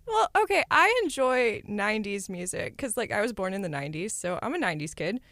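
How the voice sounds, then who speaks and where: A woman's voice: medium pitch, fairly quick, no echo. A woman in her twenties with a Texan accent, chatting casually as a radio co-host, teasing and saying "like" a lot. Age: 20s. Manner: lively and teasing, says "like" often. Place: radio studio.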